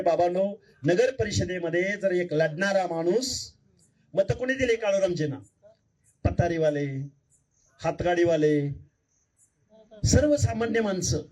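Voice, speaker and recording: A man with a raised, high-pitched voice delivers a fiery speech at a public meeting, caught from a distance by the microphone. He pleads earnestly with the crowd and keeps hammering them with rhetorical questions. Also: a little mellow. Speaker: political speaker at a public meeting. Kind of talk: fiery political rally speech.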